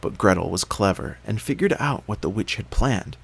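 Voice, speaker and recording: A man reading a fairy tale aloud as a father, in a measured, steady storytelling voice. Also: fairly low pitch, vocal fry, breathy edge.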